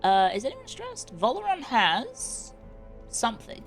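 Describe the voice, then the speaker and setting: A woman chats casually while live streaming a game, reacting aloud with exclamations as game music plays behind her. Her voice sits a little high, swooping wildly in pitch, and her pace is unhurried.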